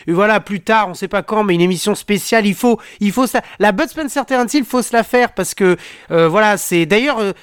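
A man's voice: high-pitched, brisk, clear, resonant tone, no room sound, studio quality. A man hosting a podcast in casual chat, rambling with many fillers and restarts. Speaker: podcast host.

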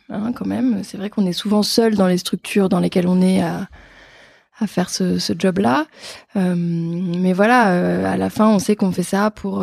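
Gravelly-voiced woman guest. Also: mid-range voice, a little mellow, no room sound, studio quality. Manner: hesitant, many fillers. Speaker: guest, fundraiser. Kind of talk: casual interview.

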